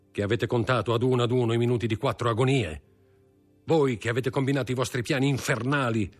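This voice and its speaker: A man's voice: on the low side, husky. A man reading an audiobook, voicing a stern magistrate who coldly accuses his wife. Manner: cold, accusing, contemptuous.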